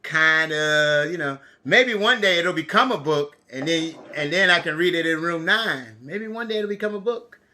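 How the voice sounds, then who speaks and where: Speaking at normal speed with hardly any pauses, this American kindergarten and preschool teacher has a slightly high, bright, forceful voice. His children's TV lesson mixes storytelling and counting, pitched like reading to a toddler, full of simple questions and repeated phrases.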